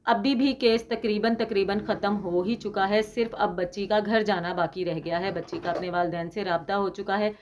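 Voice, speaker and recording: Woman commentator, scolding monologue, biting sarcasm, medium pitch. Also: steady tone, moderate pace, hardly any pauses, slight background noise. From Pakistan. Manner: indignant and sarcastic, emphatic scolding. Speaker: YouTube commentator.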